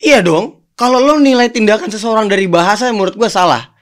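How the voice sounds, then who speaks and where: A man's voice: high voice, fairly quick, fairly bright tone. A man, arguing his point in a casual podcast chat and often calling his partner "Om". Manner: argumentative, keeps addressing partner as "Om".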